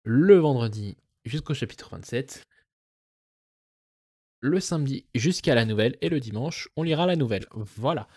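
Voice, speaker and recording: A man's voice: medium pitch, expressive, normal speed, a little mellow, breathy edge, dry recording, studio quality. A man chatting casually about his monthly reading plans, rambling with many fillers and restarts. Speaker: booktuber; web developer. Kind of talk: casual book chat.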